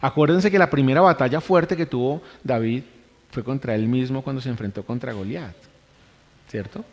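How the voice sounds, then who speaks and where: Man preaching a sermon, earnest, repeats phrases for emphasis, mid-pitched voice, long hall reverb. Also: moderate pace. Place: church hall.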